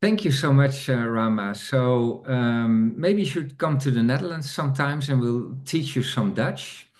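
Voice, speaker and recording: A man's voice: medium pitch, lively intonation, measured pace, darkish tone. A man hosting an online community meeting over a video call, speaking hesitantly with many fillers and restarts. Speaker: meeting host.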